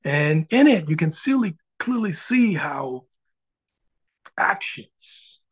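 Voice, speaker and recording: A man's voice: a little high, very animated, takes it slowly, husky. A middle-aged man from the Dominican Republic, a spiritual coach speaking earnestly to a live audience with frequent filler sounds.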